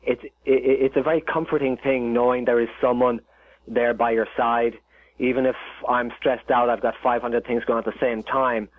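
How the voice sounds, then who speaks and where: An Irish chef, a guest in a casual interview, rambles with plenty of fillers and restarts. His Irish-accented voice is medium-pitched and flat, delivered at normal speed over a tinny phone line.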